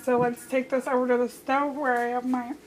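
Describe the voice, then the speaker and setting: The audio is poor: a young woman in her home kitchen, voice a bit worn from losing it, chats through cooking instructions step by step. Her high voice has little pitch movement and moves a little fast, with cooking and dish sounds behind it.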